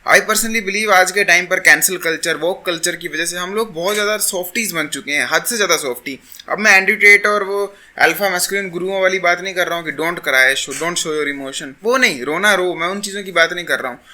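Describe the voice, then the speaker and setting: A man's voice: sits high, fairly quick, few pauses, bright, forceful tone. A young man gives an argumentative self-improvement monologue to camera, switching between Hindi and English.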